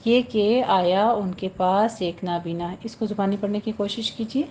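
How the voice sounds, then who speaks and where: A woman teaching Quran recitation, chanting verses with long drawn vowels, then briskly explaining pronunciation rules. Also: medium pitch, fairly even intonation, warm tone, slight background noise. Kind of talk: slow tajweed lesson, recitation alternating with explanation.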